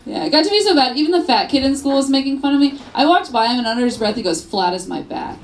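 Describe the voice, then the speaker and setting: A woman's voice: high voice, rapid-fire. A woman in her thirties performing a stand-up comedy set on a club stage, telling bawdy, self-mocking stories into a handheld mic and acting out voices. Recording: live club recording with crowd noise. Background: audience laughter.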